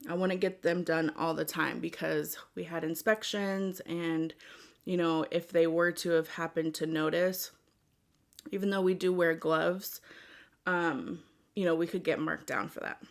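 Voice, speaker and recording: A woman vlogger chatting casually to her viewers in an unhurried, rambling way. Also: on the low side, fairly even intonation, vocal fry. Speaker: mukbang vlogger.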